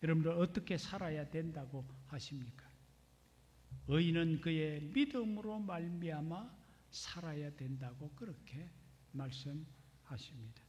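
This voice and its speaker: A man, a pastor, preaching a sermon in a measured, explanatory way with pauses. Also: on the high side, a little mellow. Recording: long reverb of a large hall.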